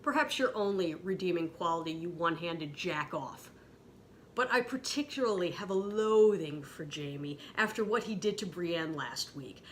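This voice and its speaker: A woman ranting angrily and sarcastically, swearing freely, her voice jumping up high when she gets outraged. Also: animated, normal speed, a little hiss or hum. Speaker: podcast host ranting about a TV episode. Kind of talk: angry profane rant.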